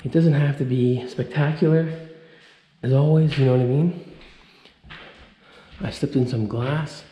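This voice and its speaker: This thirties vlogger's mid-range voice is dark in tone, a little slow and fairly even in intonation, and the recording sounds muffled. He casually walks viewers through an empty abandoned house, speaking straight to them. A handheld camera mic catches echo from the bare rooms and faint noise.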